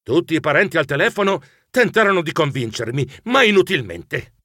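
A male narrator telling a children's story in the first person, with lots of animated expression and grumbling asides. His voice sits a little high and leaps all over the place. The recording is dry and close, with faint music underneath. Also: fairly quick, no room sound. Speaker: audiobook narrator.

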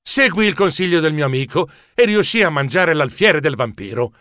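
A man narrating a children's story in an animated, expressive way. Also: on the high side, normal speed, dry recording, clean studio sound. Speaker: audiobook narrator.

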